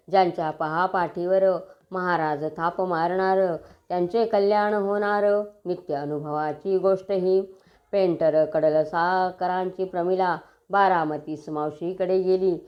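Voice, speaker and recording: A woman with a Marathi accent reciting devotional scripture verses in a steady sing-song reading, with small slips and restarts. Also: fairly low pitch, unhurried, dull audio.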